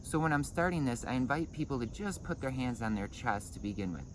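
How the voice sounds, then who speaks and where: A man with a mid-pitched voice teaches breathing meditation in an informal way. He explains things step by step, hesitating and repeating words as he goes. There is clear background noise with insect-like chirping. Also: lively intonation, brisk. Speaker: breathing meditation and Qigong instructor. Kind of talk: informal spoken lesson.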